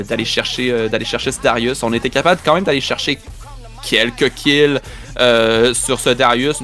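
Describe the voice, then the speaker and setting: Bright, high-pitched male esports caster, Quebec French. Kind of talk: live match commentary.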